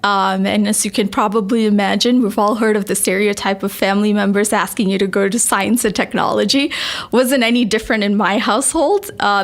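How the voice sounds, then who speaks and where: A woman from Malaysia, a company CEO, answering podcast interview questions in a thoughtful conversational way. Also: mid-range voice.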